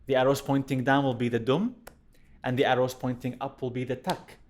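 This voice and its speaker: A young man born in Iraq, a violinist teaching a music lesson to camera in a clear, explanatory way, recorded on a studio microphone indoors. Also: mid-range voice, level tone, brisk. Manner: clear, explanatory, chants rhythm syllables in time. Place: indoor studio room with plant. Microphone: studio condenser mic on stand.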